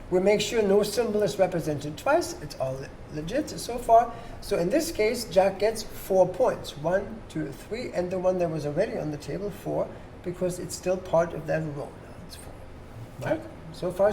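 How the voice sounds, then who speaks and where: The speaker has a mellow, medium-pitched voice and acts as host, patiently teaching board game rules to players at a table. They check that the players are following, and the recording has background ambience from a noisy room.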